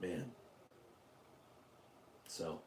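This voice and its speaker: A man's voice: very slow, darkish tone, roomy sound. A man from Utah hosting a casual live stream, rambling, joking and answering questions from his chat. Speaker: YouTube livestream host.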